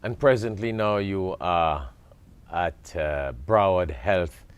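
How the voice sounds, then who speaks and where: A very deep-voiced man hosts a studio interview show. He gives formal, effusive introductions to his guest and then asks about his background. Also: slow pace, clear, resonant tone. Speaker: talk show host.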